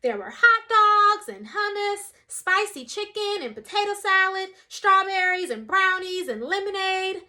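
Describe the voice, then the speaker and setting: Her voice is very high-pitched, a little slow, and has hardly any pauses as this young adult woman reads a children's picture book aloud. She reads expressively, giving the quoted characters their own voices.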